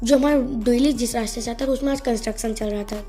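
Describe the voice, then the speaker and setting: A woman's voice: on the high side, steady tone, quick pace, dark tone, soft background music, lightly acted. A woman voicing an anxious schoolboy in a storybook telling, speaking urgently and pleadingly. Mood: worried. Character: anxious schoolboy, jittery and insistent.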